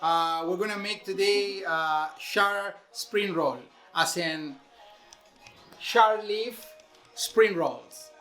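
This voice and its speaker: Speaking extremely slowly, this man has a high-pitched, slightly bright voice, with faint music in the background. A chef from Venezuela with a Venezuelan Spanish accent, he explains a recipe in English step by step, leaning on fillers in a casual cooking demo.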